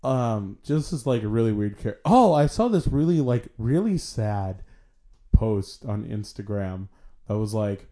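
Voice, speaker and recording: A man's voice: on the low side, animated, a little slow, dark tone. A young man co-hosting a casual podcast, joking around playfully and laughing often. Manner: giggly, playful banter. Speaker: podcast co-host. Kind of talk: casual news chat.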